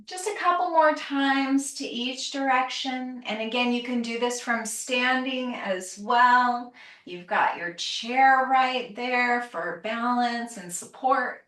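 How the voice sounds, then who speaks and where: A woman yoga teacher leading a calm grounding exercise, gently and soothingly cueing breath and movement. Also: fairly high pitch. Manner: gentle, soothing, unhurried instruction. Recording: roomy echo, distant microphone.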